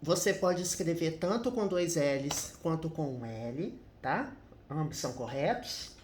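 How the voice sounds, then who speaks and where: A man's voice: fairly high pitch, animated, a little slow, reverberant, slight background noise. A man teaching English grammar in a casual, chatty way, often adding little tag questions as he explains.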